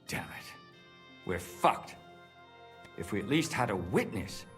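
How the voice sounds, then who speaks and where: A man's voice: fairly low pitch, sing-song, slow pace, a bit bright, heavily acted. A worried conspirator in a period game. His voice is blunt and sceptical, rising and falling widely, with faint music beneath. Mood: doubtful. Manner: doubtful, blunt. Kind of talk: video game dialogue acting.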